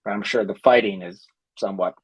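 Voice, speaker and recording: A man co-hosting a casual chat about comics, adding measured clarifying remarks. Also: fairly low pitch, steady tone, husky. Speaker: co-host.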